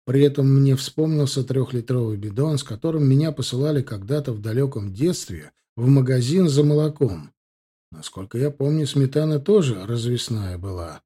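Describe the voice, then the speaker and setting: A man reads a first-person novel aloud in a wry, chatty way. His intonation moves a lot, and the voice is mellow and slightly husky. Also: mid-range voice. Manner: wry, conversational storytelling. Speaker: audiobook narrator.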